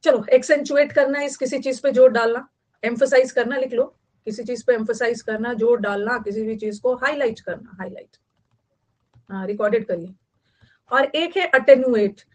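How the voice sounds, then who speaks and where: A woman's voice: a little high, moderate pace, a little mellow. A woman from Bihar, teaching vocabulary in a chatty online class and repeating key words for note-taking. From Bihar, India.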